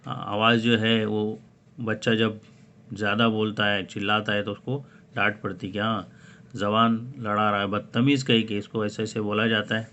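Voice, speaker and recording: A man's voice: on the low side, little pitch movement, normal speed, sharp tone, a little hiss or hum. A man teaching a lesson on an English poem, who reads English phrases and then explains each one in Hindi-Urdu.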